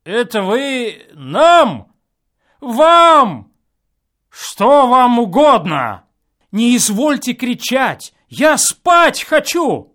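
A man voicing a rowdy, tipsy male hotel reveler who shouts loudly at a party, in an audiobook reading. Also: sits high, big pitch swings, slow, pitched above the performer's own voice, heavily acted. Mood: rudely mocking. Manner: loud and boisterous.

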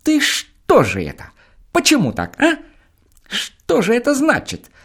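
A man voicing a furious, bullying gendarme who barks questions in a shrill, piercing voice. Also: huge pitch swings, unhurried, fairly bright tone, husky, full character voice. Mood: raging. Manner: shrill barked interrogation.

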